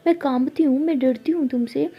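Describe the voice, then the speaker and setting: A woman voicing a bold young woman who teases, soft and intimate, with a slightly muffled sound. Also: high voice, a little fast. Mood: stern. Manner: teasing, intimate. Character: teasing, bold young woman, playful then stern.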